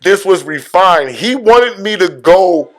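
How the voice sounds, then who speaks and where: A man's voice: high-pitched, lively intonation, takes it slowly. A man, a podcast guest telling stories in casual conversation, often repeating words as he starts a thought. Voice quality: stutter.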